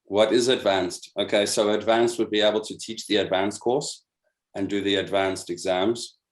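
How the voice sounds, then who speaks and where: A man's voice: on the low side, steady tone, normal speed, roomy sound. A man leading an online meeting of instructors, patiently explaining a program step by step and often repeating words as he searches for them. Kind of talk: explaining a program on a video call. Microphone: video call.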